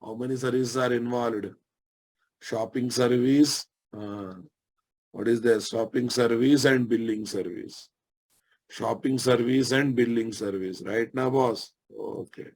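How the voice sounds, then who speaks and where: Speaking in a mid-range voice with a steady tone, this man with an Indian Telugu accent takes his time as he runs a live software lesson. He repeats each phrase and makes sure his listeners keep up.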